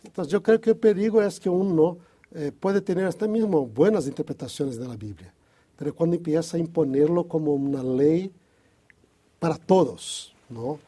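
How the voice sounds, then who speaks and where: Guy, fairly high for a man, hesitant bible chat, warm and husky. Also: normal speed. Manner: hesitant, restarts often, thinks aloud. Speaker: Bible study co-host. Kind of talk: casual religious discussion.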